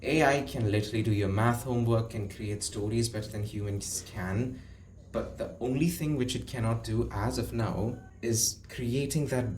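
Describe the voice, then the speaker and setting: A young speaking coach with a lowish voice teaches public speaking in an instructional video, explaining how to vary his tone and demonstrating different tones himself. He shifts his loudness for emphasis, and a little hiss or hum sits under the recording.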